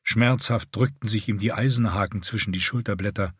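A man reading a fantasy story aloud in steady, measured narration. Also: lowish voice, husky, no room sound, clean studio sound. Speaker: audiobook narrator. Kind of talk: scripted narration.

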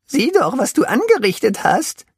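A man voicing an excitable young male bush pig in a children's audiobook, in a high squeaky voice. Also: takes it slowly, husky, no room sound, full character voice. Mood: excited. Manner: eager and easily upset.

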